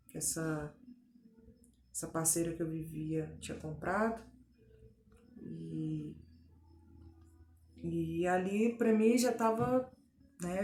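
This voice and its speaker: A woman with a Brazilian Portuguese accent giving a personal faith testimony at home, telling her story earnestly and deliberately with frequent tag fillers. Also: fairly low pitch, darkish tone. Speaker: testimony giver. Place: at home, indoors. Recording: echoey home room. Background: faint drill noise.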